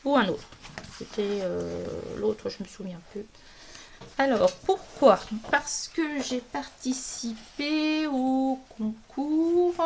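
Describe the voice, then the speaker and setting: A woman's voice: fairly high pitch, a little mellow, slight background noise. A woman from France chatting casually about her coloured pages as a hobby vlogger, hesitant and often searching for words.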